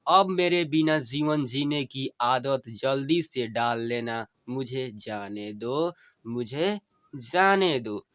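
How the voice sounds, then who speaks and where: Dying wife's gentle farewell read by a man, smooth clear tone, unhurried, each plea said twice. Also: mid-range voice, dry recording. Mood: tender. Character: dying wife pleading with her husband. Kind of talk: emotional story reading.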